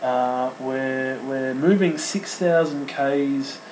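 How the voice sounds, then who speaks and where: An Australian man in his thirties hosts a solo podcast off the cuff, in no hurry, with long pauses, stumbles and restarts. His voice sits at an ordinary pitch, and the tone stays chatty and sentimental. A faint hum of room noise runs under him. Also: darkish tone, roomy sound, low-quality recording. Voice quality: halting, full of restarts and fillers. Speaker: podcast host. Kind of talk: unscripted solo podcast chat. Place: home studio.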